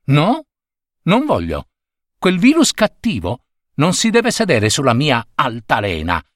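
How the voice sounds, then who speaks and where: A man's voice: a little high, very animated, moderate pace, no room sound, studio quality, pitched above the performer's own voice. A man doing a whiny bossy little schoolgirl. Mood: frightened. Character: young schoolgirl, bossy and defensive.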